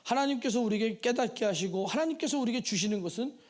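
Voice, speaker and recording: A man preaching a midweek sermon in a church, his voice sitting very high and leaping up and down. He throws out rhetorical questions and bursts into shouts for emphasis. He also acts out pleading prayers in a sing-song tone. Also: animated, fast talker, a little hiss or hum. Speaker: pastor. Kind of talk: Wednesday evening sermon. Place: church sanctuary.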